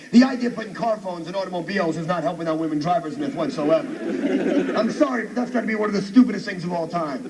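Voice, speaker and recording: A man's voice: high voice, gravelly. A male stand-up comedian delivering an abrasive, sarcastic rant on stage at a university comedy show. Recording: distant noisy live radio recording.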